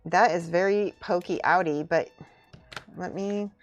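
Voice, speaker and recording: A woman with a lowish, steady voice speaks a little slowly on a live stream while building and painting miniature models. She thinks aloud informally and mutters to herself, with music in the background and a lo-fi sound.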